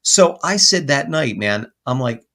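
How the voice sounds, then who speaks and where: A man who is a guest paranormal investigator, telling a story on a podcast in an animated, rambling way and correcting himself as he goes. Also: medium pitch, a little slow.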